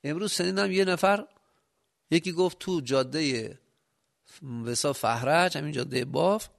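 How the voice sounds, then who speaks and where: A man from Yazd with a Yazdi accent, giving a sermon with rhetorical questions and a loudness that rises and drops. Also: fairly high pitch, creaky. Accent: Yazdi Persian. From Yazd, Iran. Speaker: preacher.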